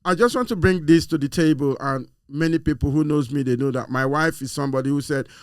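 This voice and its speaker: A man's voice: fairly high pitch, quick pace, no echo, studio quality. A man in a casual discussion, speaking earnestly and reflectively with some fillers. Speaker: show guest.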